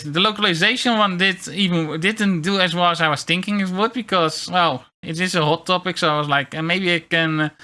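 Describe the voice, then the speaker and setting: A man livestreaming in a casual chat, talking in a halting, rambling way with wry, self-deprecating grumbles. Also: a little high, sharp tone. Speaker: VTuber streamer.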